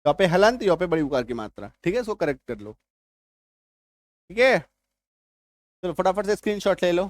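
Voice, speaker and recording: A man teaching English spelling and pronunciation in Hindi, going slowly, repeating words and often checking whether his viewers understood. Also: high-pitched, sing-song, no room sound. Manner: slow and repetitive, often checking that viewers follow. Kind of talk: spoken Hindi spelling lesson.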